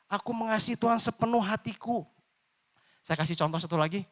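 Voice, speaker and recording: High-voiced man preaching lively sermon. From Indonesia. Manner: lively, informal preaching with playful voiced examples. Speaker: pastor. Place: church.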